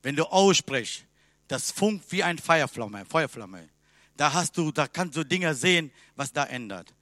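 Preacher guy, fairly high voice, intense sermon, gets loud, dry recording. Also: animated, unhurried, no room sound. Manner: non-native German, intense, rising to loud exhortation. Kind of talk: sermon and closing prayer.

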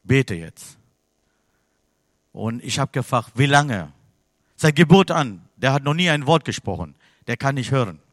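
A man from Sri Lanka preaching a sermon in with grammar slips, telling a story, then turning loud and emphatic. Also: mid-range voice, very animated, unhurried, long pauses, dry recording, clean studio sound. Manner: non-native German with grammar slips.

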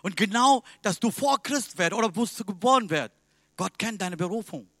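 A man preaching a sermon in a language that is not his first, emphatic and swinging between loud and quiet. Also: sits high, expressive, moderate pace, no room sound, clean studio sound.

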